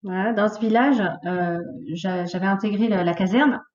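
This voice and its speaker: A woman's voice: medium pitch, normal speed, muffled recording. Chatty woman in her late thirties, storytelling. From France, of Portuguese origin. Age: late 30s. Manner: lively storytelling, addresses host informally, many fillers. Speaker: podcast guest. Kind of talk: casual conversational interview.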